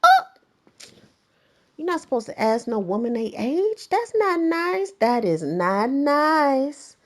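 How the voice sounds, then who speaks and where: A woman's voice: sits high, big pitch swings, slow pace. A woman in her thirties, chatting at a cast reunion in a sassy, talkative way with many fillers. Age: 30s. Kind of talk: casual reunion chat.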